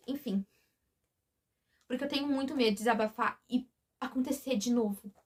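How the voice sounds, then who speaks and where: A woman's voice: fairly high pitch, moderate pace. A woman speaking in a hesitant, emotional, confiding way in a confessional vlog, often breaking off and restarting. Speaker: vlogger.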